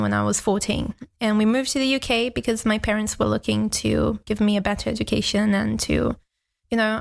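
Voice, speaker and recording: Her medium-pitched voice has a creaky quality as she, a young Brazilian whose first language is Portuguese, guests on a podcast. The casual interview chat is reflective and punctuated by frequent laughter.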